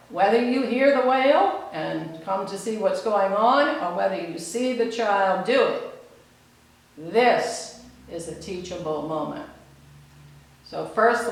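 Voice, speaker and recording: A woman psychologist giving a calm, measured educational talk, explaining her points step by step. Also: medium pitch. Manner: measured, explanatory, acts out quoted scolding adults. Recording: very echoey room.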